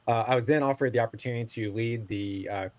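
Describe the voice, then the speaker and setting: Speaking fast at a medium pitch, the forty-something guest from Southeast Asia keeps the interview loose and casual, with lots of fillers and restarts. The recording has no room sound.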